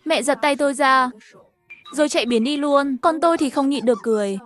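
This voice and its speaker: A woman narrating a first-person story over animation, voicing every character herself in an even storytelling manner. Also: high voice, fairly quick, faint music behind.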